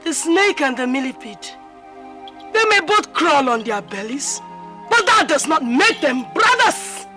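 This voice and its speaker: A stern priestess with a Nigerian accent speaks in slow, weighty proverbs. Her voice sits very high and moves a lot in pitch. Film music plays under her. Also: sing-song. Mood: solemn. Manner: slow solemn proverbs, grave warning tone. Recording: film soundtrack with music behind.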